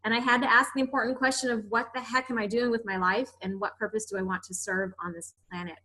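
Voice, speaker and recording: Female guest, author, upbeat and explanatory, bright clear tone. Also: a little high, steady tone, fast talker, poor audio. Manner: upbeat, explanatory, some restarts. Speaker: author and money coach guest. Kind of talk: casual interview chat.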